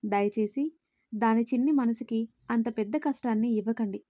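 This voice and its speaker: A woman's voice: fairly high pitch, normal speed, dark tone, dry recording, close to an everyday voice. A woman voicing an earnest, outspoken young woman who speaks up firmly for a little girl in a spoken storybook.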